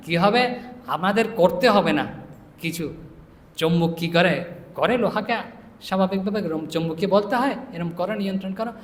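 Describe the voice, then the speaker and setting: Middle-aged monk preacher, high voice, long hall reverb, explains verses and checks listeners understand. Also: male voice, fairly bright tone. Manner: explains word by word, often asks listeners if they understood; chants scripture verses slowly. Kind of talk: devotional scripture discourse.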